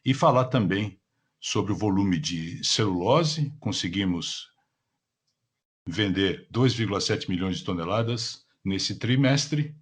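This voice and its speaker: A man's voice: on the low side, expressive, takes it slowly, breathy edge. A Brazilian man working as a simultaneous interpreter, delivering a formal business presentation.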